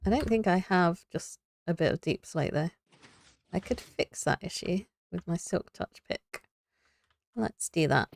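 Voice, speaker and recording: A young woman streams Minecraft live, chatting with viewers, thinking out loud as she builds, and laughing a lot. Her voice is lowish and gravelly, animated but unhurried.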